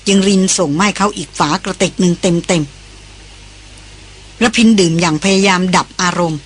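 A woman narrating a novel as an audiobook, in a measured, steady storytelling manner. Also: fairly low pitch, husky. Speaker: audiobook reader.

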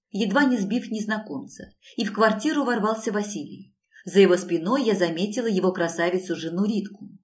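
Woman narrator, dramatic romance audiobook, intense delivery, mid pitch. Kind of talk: dramatic first-person story reading.

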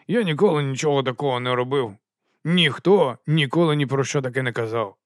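A shabby old watch corporal who mumbles, wheezes and grumbles in a hushed, furtive voice, as a man puts him on for a storybook. It sits close and dry on the mic. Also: mid-range voice, a little fast, no room sound, close to an everyday voice. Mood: grumbling. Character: scruffy, wheezing, shifty older night-watch corporal.

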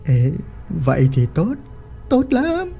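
A reader voicing a lecherous, bullying old male village official who mocks and threatens in a drawn-out way. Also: medium pitch, wildly swooping pitch, warm tone, faint music behind, voice pushed up, exaggerated voice. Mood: leering menace. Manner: mocking, leering, drawn-out menace.

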